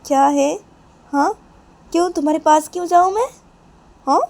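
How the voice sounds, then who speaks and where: A woman's voice: mid-range voice, lively intonation, a little slow, creaky, warm tone, husky, full character voice. A woman voicing an angry, disapproving middle-aged mother who scolds sharply.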